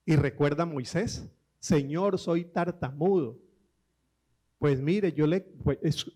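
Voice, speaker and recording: A man delivers a lively sermon in a slightly high voice. He tells stories, acts out the people he quotes and drops in humor. He slows down to stress key points. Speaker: preacher.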